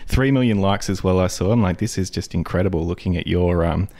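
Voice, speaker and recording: Male podcast host, very deep voice, friendly, stumbles through questions. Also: darkish tone. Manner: friendly, halting with restarts. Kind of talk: podcast interview.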